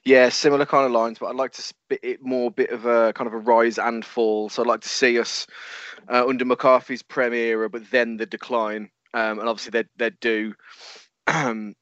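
A man co-hosting a casual football podcast, jokey and halting, with lots of fillers. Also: mid-range voice, level tone, fairly bright tone, dry recording, highs cut off. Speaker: podcast co-host.

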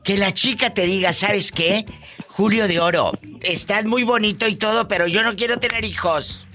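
A woman's voice: mid-range voice, moderate pace, bright, forceful tone. A middle-aged Mexican woman hosting a call-in radio show, affectionate and teasing, full of exclamations toward her callers.

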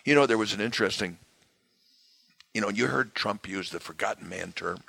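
Hoarse, gravelly man, emphatic guest. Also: lowish voice, brisk, pushed and bright. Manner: emphatic, punches key words. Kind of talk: political interview conversation.

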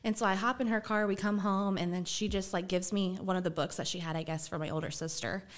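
A young woman in her twenties tells a personal story as a podcast guest. She talks in a chatty, casual way, with a voice at an ordinary middle pitch, and laughs often between her sentences. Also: steady tone, quick pace.

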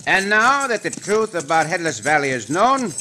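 Radio western lead: bold Mexican-accented cowboy hero, commanding, animated, strikingly bright tone, faint noise. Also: male voice, high-pitched, moderate pace, exaggerated voice. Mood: amused. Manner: commanding, dashing, formal phrasing. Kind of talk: old-time radio western acting. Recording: faintly noisy old radio recording.

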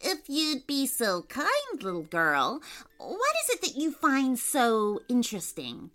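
A woman's voice: sits high, wildly swooping pitch, takes it slowly, fairly bright tone, full character voice. A woman voicing a prim, fussy female bat who is politely dismissive.

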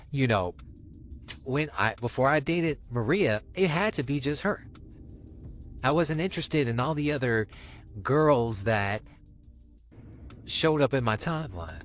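A man co-hosting a podcast, talking candidly in casual chat about dating. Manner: candid, lively pitch, frequent "right?". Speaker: podcast co-host.

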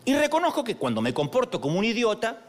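Argentine male speaker, slightly high voice, humorous sermon-style storytelling. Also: wildly swooping pitch, quick pace. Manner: storytelling, playful, self-mocking. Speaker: motivational speaker.

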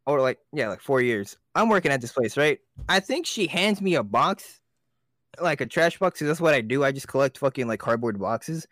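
A man's voice: mid-range voice, lively intonation, normal speed, a bit bright, no echo, clean studio sound. A young man co-hosting a casual podcast chat, telling rambling stories with lots of swearing and laughter. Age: young adult. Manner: rambling storyteller, swears a lot, laughs often. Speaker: podcast co-host.

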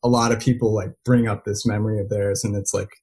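An interview guest from the United States and Belgium tells stories casually, packing his speech with filler "likes" and frequent restarts. His voice is lowish and fairly flat in pitch, quick, darkish in tone, with a breathy edge.

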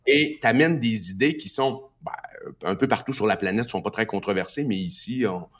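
A Québécois man guesting on a political radio show, his voice low-pitched with a husky, breathy edge. He argues in an emphatic, animated way, piling up repeated phrases to push his points. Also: moderate pace. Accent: Québécois French. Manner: emphatic and animated, building arguments with repetition. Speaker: political guest, party health spokesman. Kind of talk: political talk radio interview.

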